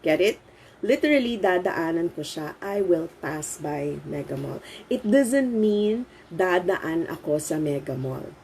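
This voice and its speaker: A woman from the Philippines with a Filipino accent, giving a live online English lesson in a lively way, mixing in Tagalog and laughing often. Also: on the low side, a little slow, vocal fry, a little hiss or hum. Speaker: English teacher.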